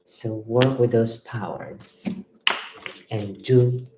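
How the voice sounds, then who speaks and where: Her voice is very deep and steady, and she talks extremely slowly over heavy background noise. She is an Ecuadorian tarot reader on a live stream who reads out and reacts to viewer comments, often repeating herself, recorded in a room with echo.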